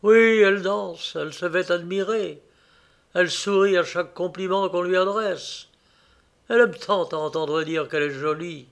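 A man's voice: high-pitched, normal speed, fairly bright tone. A man playing a bitter, heartbroken young village man who speaks with plaintive anguish in a read-aloud story.

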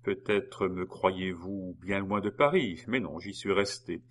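The reader's voice sits low and unhurried, with a little hiss or hum in the background. In this audiobook he portrays a cold husband whose false politeness toward his wife is really sneering mockery.

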